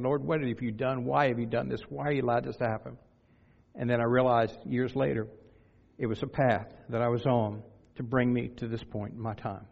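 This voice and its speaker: A middle-aged man preaching a sermon as a pastor, earnest, moving from quiet personal reflection to raised exhortation. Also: mid-range voice. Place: church sanctuary. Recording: dull, reverberant hall recording with faint music.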